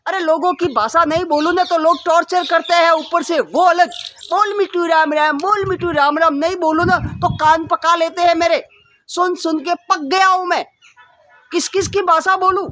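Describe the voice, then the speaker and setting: A man doing a high, ranting parrot. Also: fairly even intonation, moderate pace, sharp tone, no room sound. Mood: exasperated. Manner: ranting, exasperated. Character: fed-up male parrot, ranting. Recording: noisy recording.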